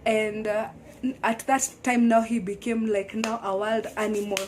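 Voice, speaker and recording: A woman with a slightly high voice tells her own hard story straight to the camera. She speaks earnestly and with feeling. She often repeats and restarts her words. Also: little pitch movement, a little slow, a little hiss or hum. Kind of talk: personal testimony, casual storytelling.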